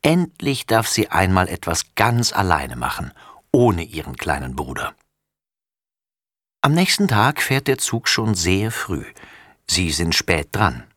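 A man reading a children's storybook aloud in an expressive way. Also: low voice, slow, no room sound, clean studio sound. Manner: expressive, lively. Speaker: narrator.

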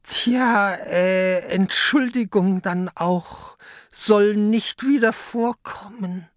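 Narrator doing a huge bashful octopus, high and halting, storybook audiobook. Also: no echo, clean studio sound. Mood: apologetic. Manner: hesitant, full of "äh". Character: large sheepish sea octopus.

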